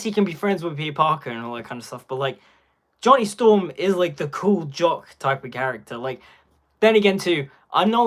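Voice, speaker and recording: A man's voice: fairly high pitch, a bit bright. Rambling young man on a phone livestream. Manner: rambling, heavy on "like" fillers. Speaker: live stream host. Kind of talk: casual live-stream commentary.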